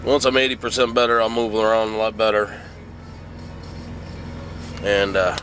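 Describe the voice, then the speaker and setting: A man's voice: fairly low pitch, fairly even intonation, moderate pace, a bit bright, faint music behind. A middle-aged man, sick and groggy as if hungover, talks casually in a folksy, plainspoken way as a truck driver vlogging. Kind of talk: casual vlog talk. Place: truck cab.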